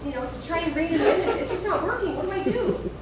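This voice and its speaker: Actress as a flustered caller, giggly and high, far off with loud noise. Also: female voice, animated, fast. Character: flustered worm farmer caller, woman. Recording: echoey stage, far from mic, loud noise.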